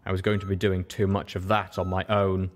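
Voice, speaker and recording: An audiobook reader narrates first-person fiction from a script in a deep voice. His delivery is completely flat and a little fast, with slight background noise.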